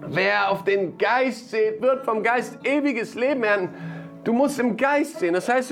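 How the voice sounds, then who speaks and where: A man delivers a sermon in a notably high voice, leaning hard on repeated phrases and breaking into brief laughs between lines. Soft guitar plays underneath. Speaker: preacher.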